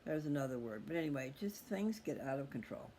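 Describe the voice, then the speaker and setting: A middle-aged man with a medium-pitched, darkish voice speaks animatedly and fairly quickly. He hosts a personal video channel and rambles candidly through a reflective monologue, talking straight to his viewers. Background noise is clearly audible.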